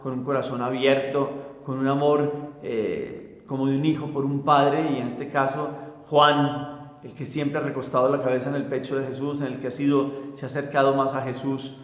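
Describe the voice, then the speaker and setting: A priest leads a gospel meditation and a prayer in a reflective, unhurried way, often circling back and repeating words. His voice sits at an ordinary male pitch. It rings out in a roomy space with a long reverberant tail. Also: steady tone. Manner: reflective, with frequent restarts and repetitions.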